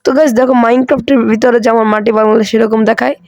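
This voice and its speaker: A hoarse man hosting a gaming channel, chatty and excitable as he comments on mobile gameplay, with English phrases mixed in. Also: very high voice, brisk, no room sound. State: hoarse, coughing.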